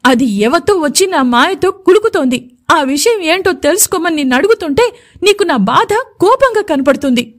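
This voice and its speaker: A high, piercing voice of a stubborn young woman, as a female storyteller puts her on, taunting and complaining loudly. The figure comes from a storybook audio drama and is pushed a little above the narrator's own bright tone. She sounds resentful and loud. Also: lively intonation, normal speed.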